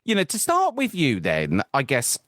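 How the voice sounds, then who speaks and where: A man hosting a podcast interview, talking in a gentle, reflective way with plenty of fillers. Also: mid-range voice, wildly swooping pitch, moderate pace, dry recording, clean studio sound. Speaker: podcast host. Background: music.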